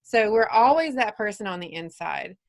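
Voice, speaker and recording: A woman's voice: medium pitch, animated, normal speed, creaky. 40s woman hosting a podcast, earnest and coachy, digs into the guest's past. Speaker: podcast host. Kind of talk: casual interview.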